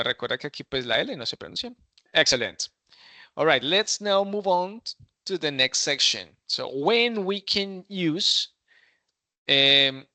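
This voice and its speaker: Male workshop teacher with a Latin American accent, a very bright tone in a dry room, and a chatty, question-checking delivery. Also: mid-range voice, dry recording. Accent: Latin American Spanish. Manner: switches between languages, asks the group for answers, many fillers. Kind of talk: bilingual classroom instruction.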